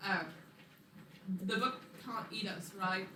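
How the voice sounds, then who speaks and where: A woman's voice: medium pitch, slow, sharp tone. Blunt, bossy woman, distant in a noisy room. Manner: bossy, blunt, swearing, sarcastic. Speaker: tabletop game player. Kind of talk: casual game chat. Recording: echoey room, distant mic, noisy background.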